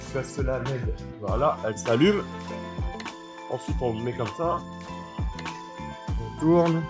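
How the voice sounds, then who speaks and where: A man's voice: medium pitch, unhurried, music in the background. A man who cleans roofs with a drone, chatting casually as he walks through his setup outdoors. He explains each step and now and then lets slip a light swear. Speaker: drone roof-cleaning contractor. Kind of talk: casual on-site vlog. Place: outdoors on a building site at a large property.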